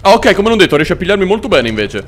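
A man hosting a let's play, giving excitable gameplay commentary, swearing a lot and chatting with the creatures on screen. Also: fast talker, soft background music. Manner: jumps into squeaky cooing over cute creatures. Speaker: gaming channel host.

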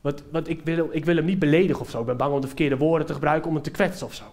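A young man doing a stand-up comedy monologue on a theater stage, telling an animated story straight to the live audience. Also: on the high side, very fast. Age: young adult.

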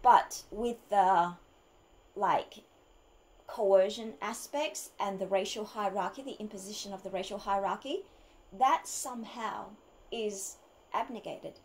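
Woman, argumentative vlog rebuttal, emphatic, rhetorical questions, mid pitch. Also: measured pace, poor audio. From Australia. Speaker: vlogger. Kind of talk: opinion monologue, rebuttal.

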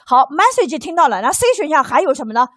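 A woman's voice: high voice, sing-song, fast talker, no room sound, studio quality. A woman English exam tutor giving an explanatory lecture to a small class, repeating key phrases and posing rhetorical questions.

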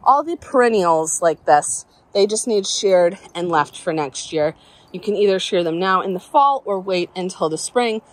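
Her voice runs on the low side, animated and at a moderate pace, as she chats her way through the garden. A vlogger from southern Alabama, she holds her phone camera at arm's length and stays upbeat, throwing in folksy asides. Faint outdoor ambience and passing helicopters are audible.

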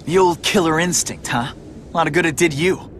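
A man's voice: on the high side, normal speed, fairly bright tone, a little hiss or hum, natural voice. A man voicing a young, cocky, wisecracking masked superhero in a video game, quippy and sarcastic. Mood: wry. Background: music.

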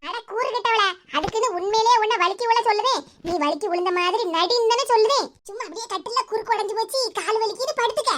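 A woman's voice: very high voice, quick pace, hardly any pauses, fairly bright tone, slight background noise. A woman doing a bossy bald old busybody with a Kanyakumari accent. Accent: Kanyakumari Tamil. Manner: bossy, scolding.

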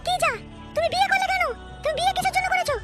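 A betrayed cartoon wife, tiny squeaky voice, shrill scolding fired off at racing speed over clear music. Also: fairly even intonation, racing. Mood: indignant. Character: furious betrayed wife, adult woman.

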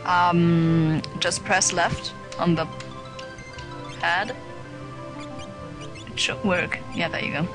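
A woman co-hosts a let's play, casually explaining her plans and laughing along over game music. Her voice is fairly low and steady, with drawn-out words and frequent pauses, in relaxed gameplay chat.

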